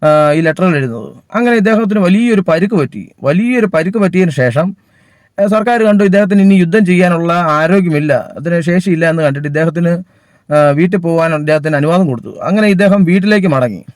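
A man preaches in a high, lifted voice, recorded close and dry with no room sound. He stops often, fills gaps and restarts his sentences as he works through his point. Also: no room sound. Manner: halting, many fillers and restarts. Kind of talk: sermon.

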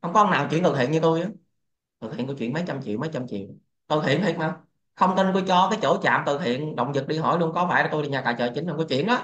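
A man's voice: fairly high pitch, very fast, a bit bright. A man hosting a crypto trading channel, lecturing bluntly and swearing freely in a casual livestream rant. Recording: echoey, dull lo-fi sound.

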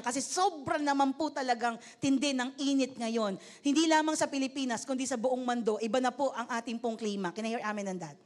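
A woman pastor from the Philippines preaches at a church service. Her voice sits very high, and her talk is lively and polite. She keeps calling out questions to the congregation and switches freely between Tagalog and English. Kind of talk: sermon.

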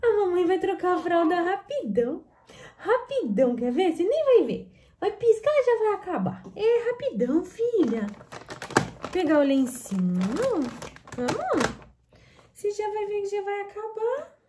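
A woman's voice: very high voice, very animated, a little slow, noisy background. A young woman talking singsong baby talk to her newborn daughter, soothing and repeating words while changing her. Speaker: mother and vlogger.

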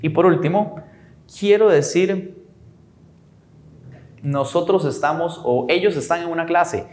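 A young man teaching English in Spanish, drawing out each word slowly for students to repeat. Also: on the high side, a little mellow. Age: young adult. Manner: slow, drawn-out model pronunciations for repetition. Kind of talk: Spanish-language English lesson. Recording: echoey room.

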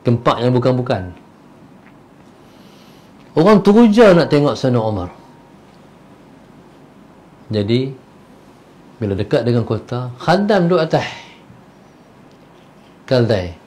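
A religious teacher tells a story in his lecture with lively energy. He shifts between sudden loud bursts and quiet, murmured asides. He slips briefly into the voices of the characters as he goes. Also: mid-range voice, takes it slowly, pauses often. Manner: animated, acts out the characters' voices.

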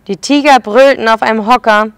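A woman preschool educator reading a picture book aloud to children and pausing to explain the pictures. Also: a little high, clear, resonant tone, no room sound.

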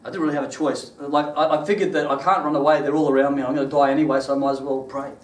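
A man preaching a sermon and telling his own testimony, animated and laughing through his stories. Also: fairly high pitch, very fast. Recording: echoey room, mic at a distance.

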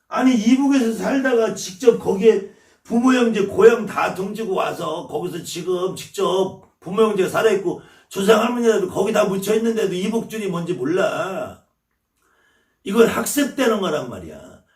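A man's voice: sits high, animated, normal speed, darkish tone. Blunt cursing shaman guy lecturing, sounds far off in an echoey room. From Chungcheong, South Korea. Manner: blunt, scolding, swears freely. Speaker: shaman teacher. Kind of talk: lecture to viewers.

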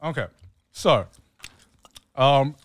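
A man's voice: mid-range voice, expressive, very slow, no room sound. A young man in casual stream banter, laughing and teasing. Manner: laughing, teasing, keeps asking for butter. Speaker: podcast co-host.

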